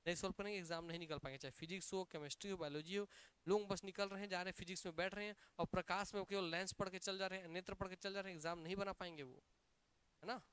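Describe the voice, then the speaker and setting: High, crisp-voiced male teacher drilling answers. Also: very fast. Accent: Chhattisgarhi Hindi. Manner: drills students with repeated questions and answers; energetic, emphatic. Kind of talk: classroom lecture.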